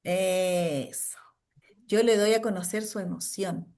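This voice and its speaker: A woman's voice: medium pitch, steady tone, takes it slowly, a little mellow. A Chilean woman, a psychologist leading a training class, explaining with examples and acting out what she says to children. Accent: Chilean Spanish. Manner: checks in often with "cierto?". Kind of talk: online training lecture.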